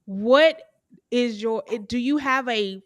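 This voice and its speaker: A woman's voice: a little high, slow, no room sound, studio quality. A woman co-host on a live video podcast, asking curious, rambling questions. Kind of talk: casual interview. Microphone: video call.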